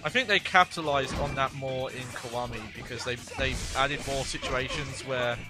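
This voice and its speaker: A man giving casual video game commentary as a streamer, rambling in halting asides. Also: mid-range voice. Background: game music.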